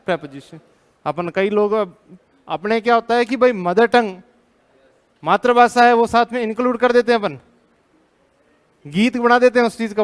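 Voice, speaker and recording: A man's voice: high-pitched, clear, resonant tone. An Indian man teaching a live class, drilling students with repeated questions, firm and teasing.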